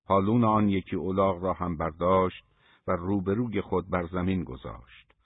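Low, husky male audiobook narrator. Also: no echo. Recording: dry, phone-like narrow sound.

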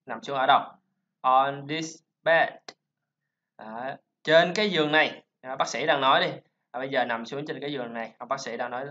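A man's voice: mid-range voice, normal speed, pushed and bright. A man teaching English pronunciation, chattily explaining and drilling each sound over and over. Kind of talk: screen-recorded lesson talk. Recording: dull lo-fi voice recording.

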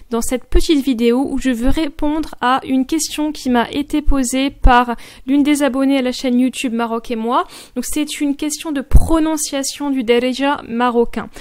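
A woman with a high voice gives a friendly, informal pronunciation lesson and speaks straight to the viewer. She takes her time and repeats each word slowly and carefully so the difference comes through. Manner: slow, careful drilling of words with repeated examples. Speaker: Moroccan Arabic teacher and blog host.

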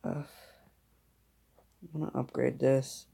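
A man's voice: medium pitch, flat delivery, slow, creaky, warm tone, breathy edge. A man giving casual gameplay commentary, talking to himself in a grumbling, sarcastic way. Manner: grumbling, sarcastic self-talk. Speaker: gamer.

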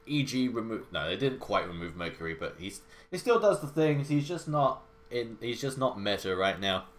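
A young gaming video host, sick with a cold, gives casual, sarcastic commentary from a home room with wooden floors. His nasal, blocked-nose voice is fairly low with big pitch swings at a moderate pace, and he swears casually, trailing off and restarting.

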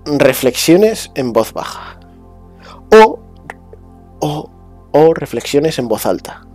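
A man from muses aloud, full of restarts and little fillers. He drifts between a hushed murmur and a brighter, livelier tone. Faint music plays underneath. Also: fairly high pitch, big pitch swings, slow pace. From Spain. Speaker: vlogger. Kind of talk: rambling casual monologue.

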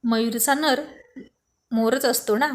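A woman's voice: on the high side, steady tone. A woman voicing a witty, teasing young man who leads his group of friends, in a storybook reading. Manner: teasing, quick comebacks.

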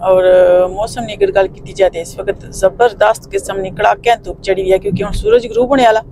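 Pakistani woman vlogger, homely chatty delivery with expressive exclamations, everyday noisy recording. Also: medium pitch, fast talker. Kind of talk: casual vlog chat. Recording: noisy phone vlog with vehicle sounds.

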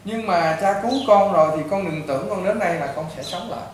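A high-pitched man with a Southern Vietnamese accent, a priest who counsels a patient in blunt, repetitive lectures. He sounds distant from the microphone. The room is strongly echoey, with clear background noise. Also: fast. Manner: blunt, repetitive, lecturing, addressing the listener as a child. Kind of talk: informal counseling talk to a patient.

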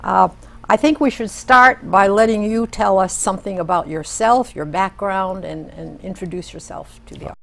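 A woman's voice: mid-range voice, normal speed, creaky, a little hiss or hum. An older woman hosting a studio interview, speaking in a polite, formal way on a lapel mic. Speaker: host.

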